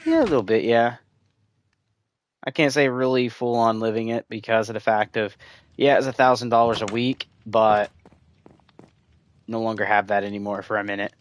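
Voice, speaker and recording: Chatting with his audience during gameplay, a U.S. streamer rambles in a voice on the low side. He keeps a moderate pace and pauses often.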